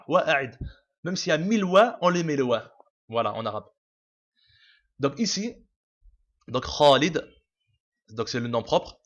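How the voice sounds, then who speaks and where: An Arabic teacher gives a casual video lesson, explaining patiently but with lots of fillers, restarts and repetition. His voice is fairly high and a bit bright, and the home recording sounds dull and lo-fi.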